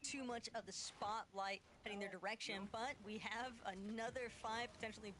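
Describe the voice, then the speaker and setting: Woman calling esports fights fast, crowd noise in the back. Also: medium pitch. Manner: quick, energetic calling of fights and eliminations. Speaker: esports commentator. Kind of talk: live play-by-play commentary.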